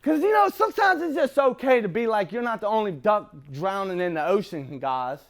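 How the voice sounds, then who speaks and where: A man with a high-pitched voice gives a raw, unscripted share at a recovery meeting. He swears freely and talks emphatically. He rambles, restarts and repeats himself, and breaks into laughter between his points. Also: lively intonation, a little fast. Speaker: speaker sharing at a recovery meeting.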